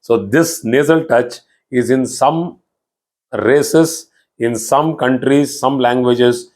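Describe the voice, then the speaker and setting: A man's voice: mid-range voice, slow pace, darkish tone. A middle-aged man with a South Indian accent, giving a recorded astrology lesson in an explanatory style, often restarting phrases. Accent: South Indian English. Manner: explanatory, repeats words and restarts, frequent "you know". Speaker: astrology teacher. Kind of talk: online class lecture.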